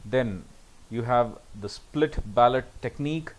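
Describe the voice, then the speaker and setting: A man's voice: medium pitch, measured pace, rough recording. A man giving a recorded lecture over slides, often saying "okay" between points.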